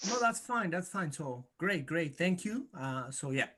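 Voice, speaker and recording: A man from Colombia whose first language is Spanish, speaking English on a video call in halting, repeated phrases. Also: a little high, animated, bright, forceful tone. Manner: halting, repeats words while searching for them. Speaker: call participant. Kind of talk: casual video call chat.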